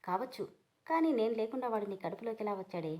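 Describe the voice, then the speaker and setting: A woman voicing a calm, teasing young husband in a read-aloud story, speaking coolly and with mockery. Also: on the high side, quick pace, lightly acted. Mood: firm. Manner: cool, mocking.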